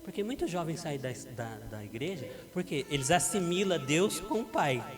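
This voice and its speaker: A middle-aged Brazilian man preaching a sermon as pastor, lively and acting out parents and teens in a church hall. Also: fairly high pitch, normal speed. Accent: Brazilian Portuguese. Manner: animated, acts out parents and teens. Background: background music.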